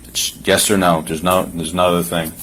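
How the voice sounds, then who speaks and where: A low-voiced male police officer formally reads a legal form aloud and gives firm, insistent instructions in a procedural way. His pitch barely moves, his pace is moderate, and his tone is fairly bright. It was captured on a body camera with faint noise.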